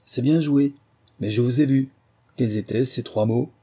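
A man's voice: medium pitch, measured pace, dark tone, natural voice. A man voicing a suspicious army captain in plain clothes who barks clipped, commanding questions. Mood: interrogating.

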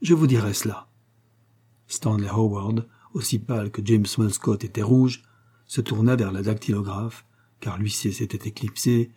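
A male narrator reads a story aloud at a steady, measured pace. His voice is dark and mellow, with a husky grain. He keeps an even storytelling tone. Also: fairly low pitch. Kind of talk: scripted audiobook narration.

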